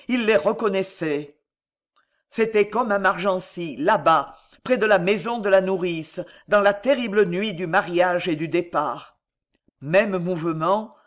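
Male audiobook narrator, high voice, slow and deliberate, expressive dramatic reading with long pauses. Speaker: audiobook reader. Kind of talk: dramatic reading of a classic novel.

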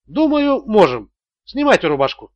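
For an audiobook thriller, a man voices a male extortionist who is cool, sneering, and menacing, mocking calmly before bursting into screams. The voice is high-pitched, pushed up, and sing-song at a moderate pace, recorded with no echo.

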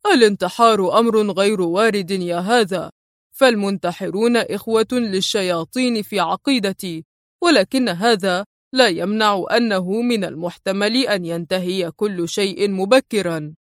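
A woman's voice: on the high side, normal speed, dry recording, close to an everyday voice. A proud male prisoner answers with stern scorn, voiced by a woman narrating a novel. His lines come across as defiant. The sound is dry and close. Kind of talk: audiobook character reading.

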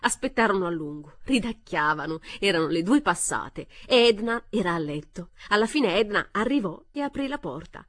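A woman reading a short story aloud as narrator, in a measured and expressive way. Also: mid-range voice. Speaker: reader.

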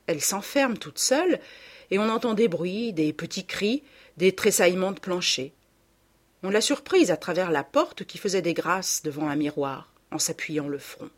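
Animated woman reading a novel. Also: on the low side, moderate pace. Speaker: audiobook reader. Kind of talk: literary audiobook narration.

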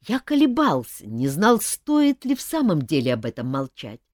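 A woman's voice: low voice, huge pitch swings, moderate pace, darkish tone, no echo, studio quality. A woman voicing an earnest male head of the guard who is eager to please.

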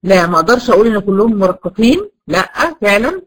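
A woman with an Egyptian accent leads a class of girls in recitation rules, talking at a brisk, rapid clip. She throws a question to the room and answers it herself before moving on. She circles back over every point several times. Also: medium pitch, very animated, low-quality recording. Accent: Egyptian Arabic. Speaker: Quran recitation teacher.

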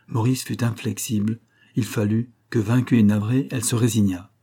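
Husky low-voiced male narrator. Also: mellow. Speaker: audiobook reader. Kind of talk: novel narration.

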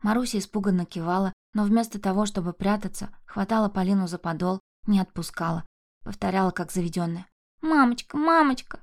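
A woman's voice: mid-range voice, fairly even intonation, fast, gravelly, darkish tone. A woman narrating a novel as an audiobook in a tense, dramatic reading.

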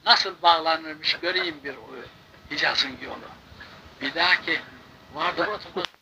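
An older man, a Sufi sheikh, tells religious stories in an impassioned sermon, now and then breaking into loud cries and chanted invocations. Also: fairly high pitch, measured pace. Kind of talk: religious storytelling talk. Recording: noisy recording.

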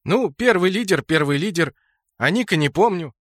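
A man's voice: high-pitched, animated, normal speed, a bit bright, no echo, clean studio sound, pitched above the performer's own voice. A man voicing a mocking male adventurer in a game story, with a smirking, teasing manner. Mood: musing.

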